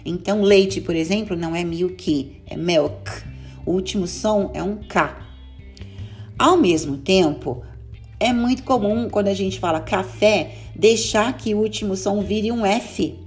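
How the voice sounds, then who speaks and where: Brazilian lady doing an english lesson podcast, slows down on examples, faint music behind. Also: mid-range voice. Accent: Brazilian Portuguese. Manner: patient, explanatory, slows down for example phrases. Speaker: English teacher.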